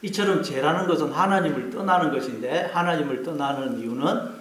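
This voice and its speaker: A man's voice: on the high side, a little fast, fairly bright tone, reverberant, poor audio. A male pastor preaching an earnest sermon, repeating key phrases for emphasis. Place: church.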